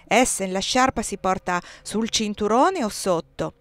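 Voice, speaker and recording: A woman reading aloud, voicing a confident marshal who speaks briskly and assuredly. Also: medium pitch, fairly bright tone, no echo, lightly acted.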